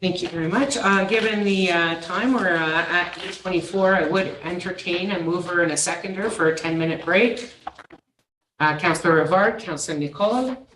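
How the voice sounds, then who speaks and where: A woman mayor moves council business along briskly and procedurally, with a light touch of self-mockery. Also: on the low side, fairly bright tone, a little hiss or hum. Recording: echoey chamber, distant mic.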